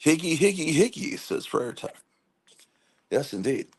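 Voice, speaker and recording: Rough husky guy in his 50s rambling on a stream, reading the chat out loud, laughs at himself a lot. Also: fairly high pitch, very animated, measured pace. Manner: rambling, reads viewer chat aloud. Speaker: comic collecting livestream host. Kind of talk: casual livestream chat.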